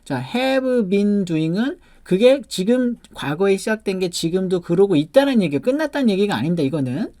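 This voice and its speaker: A man giving an online English grammar lecture, explaining step by step and reading example sentences slowly before translating them. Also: high voice, sing-song, warm tone, no echo, clean studio sound. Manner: explains step by step, often restarting with "자" and "그러니까".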